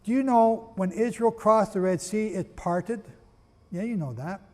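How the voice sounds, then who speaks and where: A man giving a sermon-style history lecture, firing rhetorical questions at his listeners, spelling out names and rushing to get through it. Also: high-pitched, long reverb tail. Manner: asks the audience rhetorical questions; rushes, apologizes for talking fast. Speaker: preacher.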